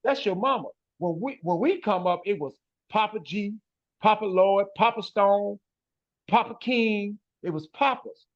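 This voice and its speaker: A man's voice: high-pitched, a little slow. Emphatic man, dull lo-fi sound. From west side of Chicago. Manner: emphatic, ends phrases with "man" and "bro". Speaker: guest. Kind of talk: casual interview talk.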